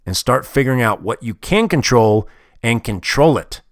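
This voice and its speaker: A man delivering a tough-love motivational talk, blunt and full of swearing. He sits in a middle pitch and leans hard into his key lines. The sound is dry and close, with no room around it. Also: expressive, normal speed, no room sound. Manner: blunt and profane, emphatic. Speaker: motivational speaker.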